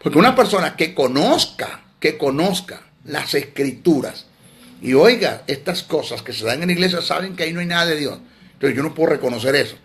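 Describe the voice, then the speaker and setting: Enfático maestro de teología, voz aguda. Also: male voice, on the high side, animated, fairly quick, fairly bright tone. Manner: emphatic, scolding, repeats words. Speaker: theology teacher. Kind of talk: teaching sermon.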